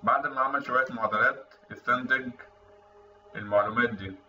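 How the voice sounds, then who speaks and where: Speaking fast yet steadily, a man with an Egyptian Arabic accent delivers an informal technical tutorial in a bright, forceful, mid-range voice. He is an instructor, and the recording is roomy and dull, made on a distant mic with faint noise.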